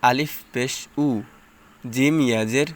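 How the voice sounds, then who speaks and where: Male Quran reading teacher: slow, clear, resonant voice, spelling drills letter by letter. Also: mid-range voice, steady tone. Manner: spells out letters and vowel marks, then chants the joined syllables.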